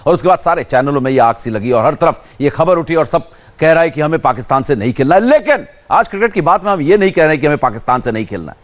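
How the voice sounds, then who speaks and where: A man anchoring a cricket show on TV, talking in an energetic, emphatic presenter manner. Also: fairly high pitch. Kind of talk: TV news anchoring.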